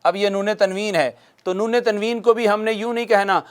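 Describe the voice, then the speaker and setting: A man's voice: high voice, fairly even intonation, clear, resonant tone. A man teaching Quran recitation rules in a recorded lesson, asking questions and answering them himself, repeating key points and demonstrating nasal sounds aloud.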